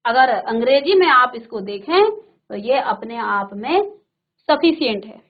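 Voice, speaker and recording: A woman's voice: on the high side, lively intonation, unhurried, highs cut off. A woman teacher giving a classroom lecture, explaining patiently and repeating her points with simple examples. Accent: Hindi speaker from North India. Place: virtual classroom studio.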